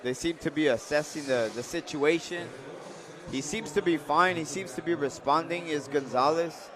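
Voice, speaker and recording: A man's voice: fairly high pitch, moderate pace. A man giving live, conversational boxing commentary, thinking aloud and repeating words as he goes.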